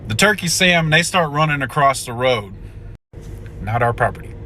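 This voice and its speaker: A young man telling family stories in a casual, animated, folksy way, with some swearing. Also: mid-range voice, moderate pace. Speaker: storyteller. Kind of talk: casual storytelling.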